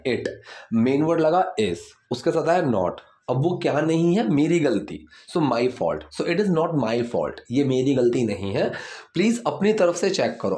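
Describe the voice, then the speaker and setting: A Hindi-speaking man with an Indian English accent teaches English grammar in a relaxed, mellow voice. He works through each rule patiently, asking a question and answering it himself. He stretches out every English example sentence slowly so learners can follow. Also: mid-range voice. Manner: asks himself rhetorical questions and then answers them. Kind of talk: explaining grammar step by step.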